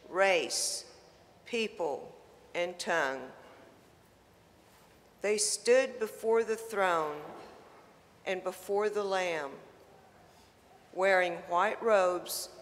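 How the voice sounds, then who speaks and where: A man reading scripture aloud as lector at Mass, slow and deliberate. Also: high voice, a bit bright, a little hiss or hum. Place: large church. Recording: long church reverb.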